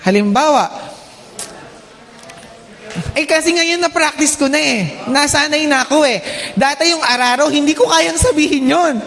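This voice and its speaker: High-voiced Filipino woman preaching. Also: normal speed, long pauses. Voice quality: slight trouble with the R sound. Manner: polite, checks in with the congregation with "Okay?"; mixes English phrases into her talk. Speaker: church speaker and children's teacher. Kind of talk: sermon. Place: church hall. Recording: long hall reverb.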